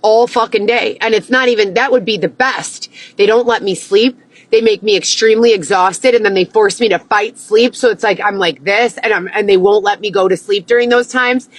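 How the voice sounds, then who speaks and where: A woman livestreaming a profane, agitated monologue that at times rises close to yelling. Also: mid-range voice. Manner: agitated, swearing, rising to near yelling.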